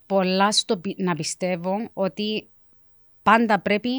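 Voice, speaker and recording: A woman speaks in a Cypriot Greek accent at a medium pitch, explaining things emphatically like a coach being interviewed. She slips English phrases into her talk, and the sound is dry and close. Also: steady tone, a bit bright, no room sound. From Cyprus. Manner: emphatic, frequently switches into English. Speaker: educational coach and mentor, interview guest. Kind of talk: conversational interview.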